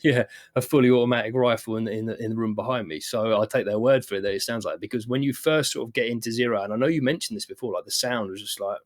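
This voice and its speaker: A man's voice: mid-range voice, fast, hardly any pauses. A British man hosting a podcast, rambling casually with lots of "you know" and restarts. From United Kingdom. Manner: rambling, many fillers and restarts. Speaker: podcast host. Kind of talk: casual chat.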